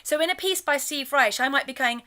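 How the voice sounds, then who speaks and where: A middle-aged woman leading a choir course, chatting warmly and breaking into sung demonstrations. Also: high-pitched, a little fast. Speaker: choir leader teaching a course. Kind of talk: enthusiastic spoken lesson with sung demonstrations.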